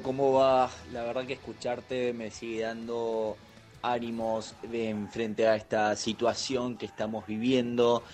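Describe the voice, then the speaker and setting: A man's voice: medium pitch, a little mellow, natural voice. A man with an Argentine accent playing a posh young rich guy in a voice message, drawling and dropping English slang. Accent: Argentine Spanish. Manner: drawling slang-heavy chatter with English words.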